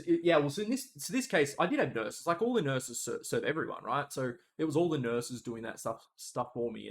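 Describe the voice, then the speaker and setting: A man's voice: mid-range voice, vocal fry, a bit bright. A young man streaming live, telling a long personal story in a rambling, casual way, swearing and restarting his sentences.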